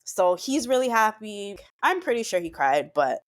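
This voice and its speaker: A woman's voice: medium pitch, sing-song, moderate pace. A young woman as a podcast guest, telling a personal story in an earnest, emotional way, with lots of filler words. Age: young adult.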